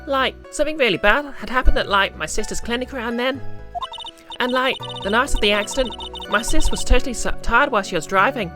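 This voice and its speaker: Woman doing a high ditzy valley girl. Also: brisk, music in the background, close to an everyday voice. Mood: earnest, ditzy. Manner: valley girl talk, filler "like", drawling slang. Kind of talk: video game character voice-over.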